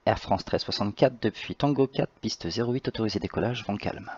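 A man's voice: on the low side, fairly quick, a little mellow, a little hiss or hum. Male tower controller, slightly dull audio. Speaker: tower air traffic controller. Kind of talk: air traffic control radio phraseology. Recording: slightly dull, band-limited voice channel.

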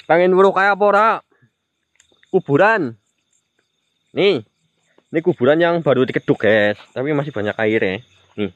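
A man's voice: fairly high pitch, expressive, moderate pace, long pauses, no echo, dull audio. A man with a Banyumas Javanese accent, chatting to viewers on a night-time ghost-hunting live stream outdoors. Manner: chatty, addresses viewers, teasing sing-song calls to a ghost. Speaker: live-stream mystery vlogger. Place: outdoors at night near a graveyard. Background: crickets and insects.

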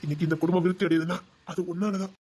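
A man's voice: sits high, fairly even intonation, rapid-fire, darkish tone. A man playing a young husband who has just learned he will be a father, speaking in an emotional, tender way. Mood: earnest. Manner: emotional, tender, promises not to get angry. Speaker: new father. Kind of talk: family web series acting.

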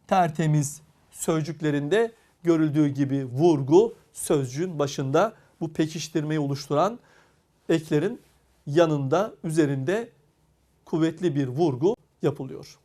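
Slow, deliberate teacher giving a grammar lesson. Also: mid-range voice, darkish tone. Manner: deliberate, drawn-out reading of example words; addresses the class directly.

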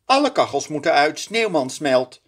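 A man reading a picture book aloud, voicing a young princess in a high, shrill, girlish voice. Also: very animated, a little slow, fairly bright tone, breathy edge, full character voice. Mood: strict. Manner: high shrill girlish voice, strict then tearful. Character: young princess, spoiled and bossy but loving.

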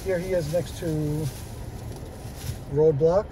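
Filming on a phone at arm's length, this forties-aged man chats loosely about a toy from his parked car, relaxed and filler-heavy. He speaks slowly in a fairly high pitch, and the background is noisy.

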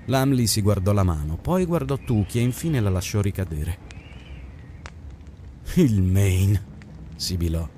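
A man reading an audiobook in a scripted narration style with lively storytelling delivery. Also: fairly low pitch, brisk, few pauses, a little hiss or hum.

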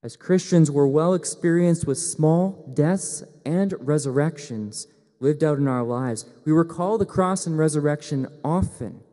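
A man's voice: fairly high pitch, unhurried, mellow. A young man, a priest, preaching an earnest sermon at a lectern, speaking into a headset mic. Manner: earnest, gesturing, rising to emphatic appeals. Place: church sanctuary at a lectern, indoors. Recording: long church reverb.

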